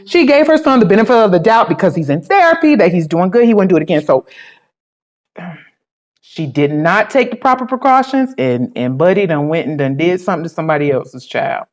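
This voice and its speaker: A woman's voice: fairly low pitch, animated, brisk, a little mellow. A woman with a New York accent hosting a casual talk show, blunt, gossipy and profane. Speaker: host. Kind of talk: casual opinion chat. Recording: dull lo-fi sound.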